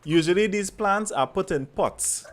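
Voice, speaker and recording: Trini guy, bit higher pitched, animated storytelling in creole, repeats himself for emphasis, just chatting. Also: measured pace, a crowd in the background. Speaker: podcast host. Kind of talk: casual anecdote chat.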